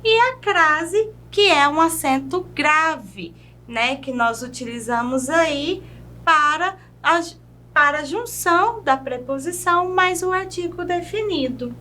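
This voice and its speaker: A Brazilian woman teacher giving a video grammar lesson, drawing out example words slowly and checking in with her class. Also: sits high, animated, sharp tone. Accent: Brazilian Portuguese. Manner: slow, drawn-out pronunciation of example words; checks in with "né?" and "certo?".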